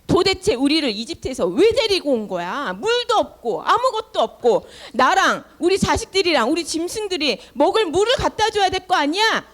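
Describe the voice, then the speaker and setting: A woman voicing angry wandering people shouting complaints at their leader during a children's sermon. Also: very high-pitched, big pitch swings, normal speed, few pauses, pitched above the performer's own voice, exaggerated voice.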